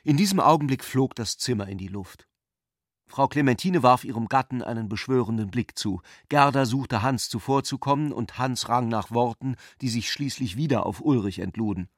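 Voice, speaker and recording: A man narrating a radio drama in an even, composed storytelling manner. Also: mid-range voice, moderate pace, dry recording, clean studio sound.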